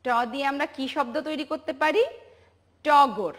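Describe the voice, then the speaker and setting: On a televised preschool lesson, a Bangladeshi woman patiently quizzes and praises the children in a sing-song manner. She speaks fast in a high-pitched voice with fairly even intonation.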